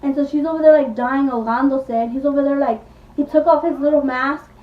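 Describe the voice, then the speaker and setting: Chatty high-voiced woman retelling a movie. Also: fairly even intonation, fast, far from the mic. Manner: rambling, full of "like", acts out quotes. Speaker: beauty vlogger. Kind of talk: casual retelling of a movie plot. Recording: echoey room, voice from off-mic, dull sound.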